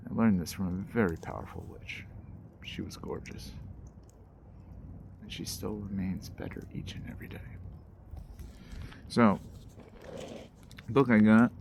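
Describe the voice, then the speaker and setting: Beside an outdoor campfire, a host talks casually to his viewers in a low, gravelly voice with vocal fry and a darkish tone. His fireside monologue wanders in a slangy, musing way, with faint ambient noise behind him.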